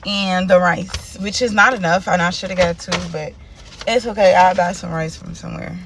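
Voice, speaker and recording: A woman's voice: fairly low pitch, steady tone, moderate pace, background noise. A woman food vlogger chatting casually and expressively to camera in slangy, playful speech from inside a car. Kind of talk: casual mukbang chat to camera. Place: inside a car parked on a busy city street.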